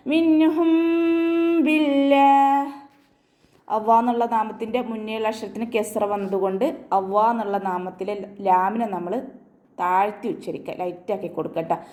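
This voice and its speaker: Patient woman teaching recitation rules. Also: medium pitch. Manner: patient step-by-step instruction with gentle reminders. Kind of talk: online recitation lesson.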